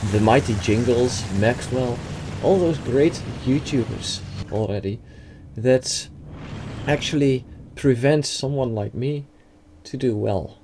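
Game noise sits behind a young Dutch YouTuber with a dark, medium-pitched voice as he commentates a game replay. He speaks with a Dutch accent, hesitating often with fillers and restarts.

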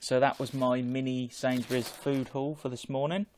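A man, talking in a measured, explanatory way as a vlogger chatting casually on an earphone microphone at home. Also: medium pitch, flat delivery, darkish tone, slight background noise. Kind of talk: casual chat to camera. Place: small home room with bookshelves.

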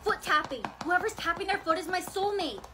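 A young woman acting out an eager schoolgirl in a comedy skit, thinking out loud. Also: extremely high pitch, a little fast, background noise. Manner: eager and breathless, talks to herself. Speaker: creator voicing the lead character.

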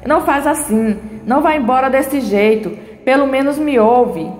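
Woman reading pleading indecisive groom, high voice, echoey room, faint music. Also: normal speed, lightly acted.

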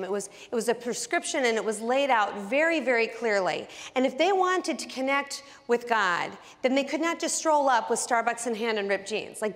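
A woman with a somewhat high voice teaches a Bible lesson through a personal story. She tells it with animation and acts out each bit of dialogue. Her voice carries a long reverb tail, as if recorded in a large hall. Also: fairly bright tone.

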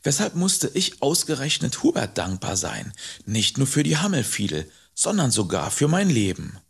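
A man narrating an audiobook in an expressive, measured storytelling manner. His voice is gravelly and husky, and it rises and falls with lively intonation at an unhurried, slow pace. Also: medium pitch. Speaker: audiobook reader.

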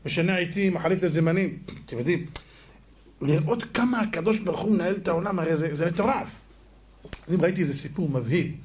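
A male rabbi delivering a lesson through stories, his voice sitting fairly high. He talks animatedly, throws rhetorical questions at his listeners and acts out the people he quotes. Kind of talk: storytelling Torah lesson.

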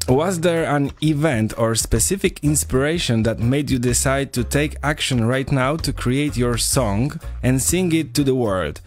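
Radio host: man, mid-pitched, Rasta-style slang, casual interviewing over music. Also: measured pace, hardly any pauses. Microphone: studio microphone. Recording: music playing behind the voice.

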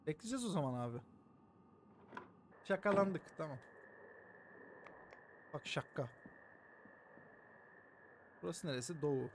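A male streamer talks through a game in a fairly high voice, cracking jokes and swearing freely. He breaks off now and then to thank his viewers by name. A faint hiss sits under his voice. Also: darkish tone. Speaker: live streamer. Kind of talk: live gameplay commentary.

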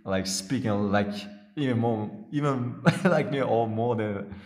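A young man with an Uzbek accent, co-hosting a casual podcast in his second language, chatty and quick to agree, with many "like" and "you know" fillers. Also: medium pitch, darkish tone, roomy sound. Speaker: podcast co-host. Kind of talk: casual chat.

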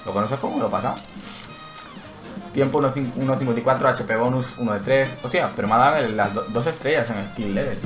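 A gaming channel host, an excitable man with a medium-pitched voice, talks fast through Let's Play commentary, yelping and crying out whenever he takes a hit. He thinks aloud and reads menu text out loud, his voice echoing in a roomy space over the game music.

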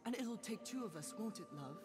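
A voice actor playing a cheeky, brash young boy in a game cutscene, heard with roomy reverb under loud music. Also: mid-range voice, lively intonation, fairly quick, close to an everyday voice. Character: cocky streetwise young boy. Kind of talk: video game cutscene acting.

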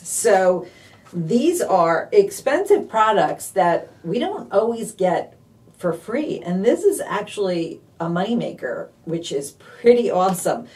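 A woman hosting a live-streamed couponing deals rundown, bubbly and excitable, with lots of fillers. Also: medium pitch, slow pace, distant mic. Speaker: couponing show host.

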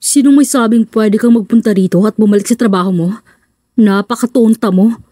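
A shrill, effeminate male manager bullies his staff and then grovels to his boss, as a woman narrator puts him on. The sound is mellow and dry, read close for an audiobook. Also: fairly quick, no room sound, lightly acted. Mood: mocking. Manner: shrill, scolding, then fawning. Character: effeminate bossy male print-shop manager.

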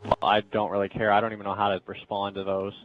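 A man's voice: on the low side, completely flat delivery, fast, noisy background. A man chatting casually while gaming, cracking crude sarcastic jokes and ranting with his friends. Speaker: gamer co-host. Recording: dull lo-fi capture.

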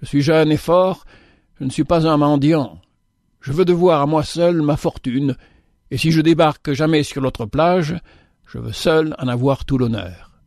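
Cocky stubborn young guy, man reading him, audiobook, a bit higher. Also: a little slow, darkish tone, no echo, clean studio sound. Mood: defiant. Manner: scornful, proud. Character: proud, defiant young man, the second brother.

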